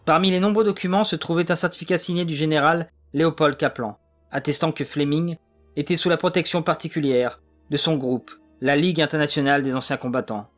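A man narrating an audiobook in a steady, measured reading. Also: on the high side, faint music behind. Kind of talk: scripted narration.

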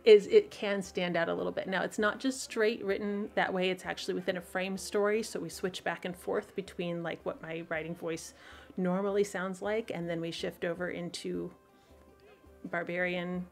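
Lower-voiced woman chatting to her stream. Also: steady tone, normal speed, creaky, soft background music. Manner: chatty and rambling, full of fillers and restarts; laughs often between thoughts. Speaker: author hosting a weekly livestream show. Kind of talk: casual livestream talk to viewers.

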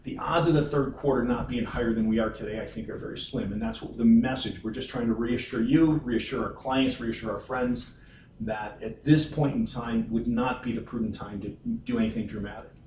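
A man's voice: mid-range voice, fairly quick, darkish tone, slight background noise. A middle-aged man from Western New York, president of a financial firm, talking plainly and reassuringly to clients from a conference room. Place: wood-paneled conference room. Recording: roomy echo from far off.

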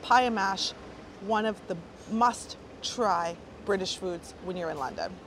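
A woman's voice: medium pitch, a little slow. A woman guiding a food tour, talking in a chatty, enthusiastic way. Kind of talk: guided food vlog. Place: outdoors and inside small food shops. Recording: noisy street background.

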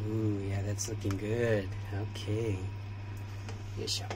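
Slow-talking man in a home kitchen. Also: fairly low pitch, very noisy. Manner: relaxed, hesitant, many fillers. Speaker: cooking vlogger. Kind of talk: casual cooking demonstration.

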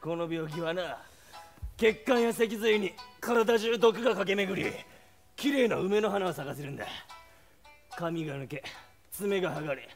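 An actor playing a bitter, dying samurai captain with a coarse, rough-edged way of talking, on a stage recording with music. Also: male voice, high-pitched, full character voice. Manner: coarse rough-edged speech, brooding then shouting.

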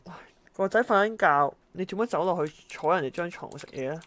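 A woman narrates her own gameplay, her voice sitting a little low. She talks in an exasperated, exclaiming way, scolding the characters on screen as she plays. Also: expressive, brisk, fairly bright tone. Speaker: gameplay commentator. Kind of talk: let's-play commentary.

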